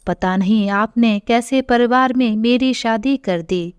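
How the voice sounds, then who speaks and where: Spoiled whiny daughter, read by a woman, resentful, slow, higher pitch, dull lo-fi sound. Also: smooth, no room sound, natural voice. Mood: complaining. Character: spoiled, complaining young married daughter. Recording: dull lo-fi recording.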